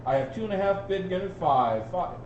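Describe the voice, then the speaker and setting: A man's voice: high-pitched, animated, brisk. A man working as an auctioneer, calling bids in a repeated chant with folksy banter. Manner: folksy, bantering between bid calls. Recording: roomy, distant, dull sound with faint noise.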